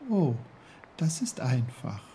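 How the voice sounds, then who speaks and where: A man voicing a small, delicate female snowdrop flower, speaking softly and hesitantly in a raised voice. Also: big pitch swings, slow pace, slight background noise. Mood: gentle. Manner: soft, hesitant, high-pitched.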